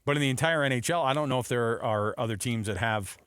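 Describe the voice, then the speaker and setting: A man with an American accent co-hosts a sports radio show, analysing unscripted in an emphatic, conversational way and repeating phrases for emphasis. His voice is medium-pitched, quick and fairly bright, clear and resonant, with no echo.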